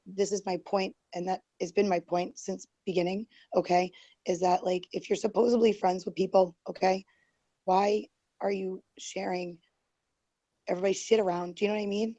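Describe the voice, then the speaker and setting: A woman guest on a heated online group call is losing her voice, which sounds mellow, dark, worn and fading at medium pitch with fairly even intonation and normal speed. She rambles defensively, full of "like," "um" and restarts. The lo-fi recording is dry and close with no room sound.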